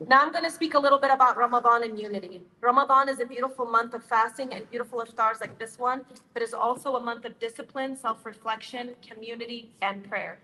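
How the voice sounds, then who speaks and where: A slightly high, pushed, bright voice rushes along with few pauses as a young woman from Utah, United States, gives her prepared remarks. She co-founded a nonprofit and greets the community gathering warmly and directly, and the reverberant hall adds faint ambient noise.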